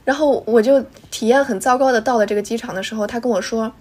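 Fast-talking young woman co-host. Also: on the high side, darkish tone. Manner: brisk, indignant storytelling. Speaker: podcast co-host. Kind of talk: casual chat.

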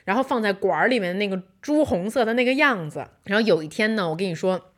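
A woman in her thirties, a podcast co-host, telling a personal story in casual chat, animated and laughing often, with English words mixed in. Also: medium pitch, fast.

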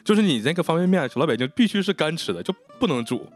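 A man's voice: a little high, sing-song, fast, soft background music. A man from Northeast China talking as a podcast host, telling personal stories in a chatty way and repeating words for emphasis. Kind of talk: casual chat, personal storytelling.

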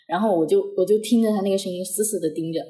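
A young woman hosts a casual podcast chat, telling her story in an animated way. She laughs often and acts out what others said. Her voice sits mid-range and rings in a roomy, echoey space. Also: mid-range voice, racing. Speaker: podcast host. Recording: echoey room.

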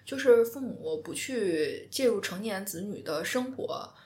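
A woman, a podcast co-host and astrology counselor, talking calmly and explaining steadily. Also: medium pitch, a little slow. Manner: calm, explanatory, steady storytelling. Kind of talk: casual podcast chat.

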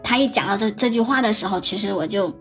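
A young woman telling her own story on a podcast, halting and often repeating words as she recounts past conversations. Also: medium pitch, faint music behind. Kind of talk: personal storytelling.

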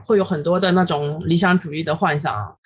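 A woman in her thirties, a guest illustrator on a podcast, recounting her story in an animated way with many fillers and English words dropped in. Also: deep voice, fairly quick, slight background noise. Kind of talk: casual podcast interview.

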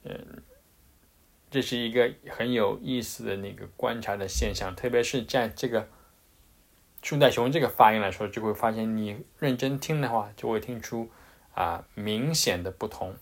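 A man's voice: fairly low pitch, moderate pace, gravelly. A man teaching English pronunciation in a casual, patient way, with frequent fillers and restarts. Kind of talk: casual explanatory lesson.

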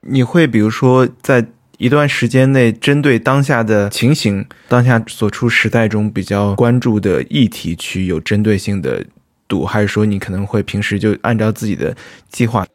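A man hosts a podcast with a lowish voice, asking deliberate, formally phrased questions. The recording is dry and close, with no room around it. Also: no room sound. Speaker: podcast host. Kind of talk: conversational interview.

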